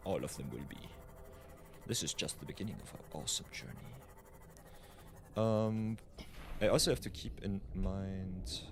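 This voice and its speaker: Man from Austria, game streamer, low voice, chatty, background noise. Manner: chatty, thinking aloud. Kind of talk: live gameplay commentary.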